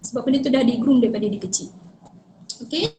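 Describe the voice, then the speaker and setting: A woman's voice: a little high, expressive, fast talker, mellow, echoey room, slight background noise. A woman from Malaysia giving an earnest, advisory online talk to parents over a video call, mixing English phrases into her speech. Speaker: speaker on child protection.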